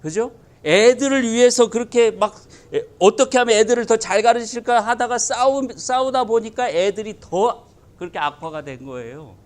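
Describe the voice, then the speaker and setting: Male pastor, high voice, preaching with emphatic rhetorical questions. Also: normal speed. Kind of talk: sermon.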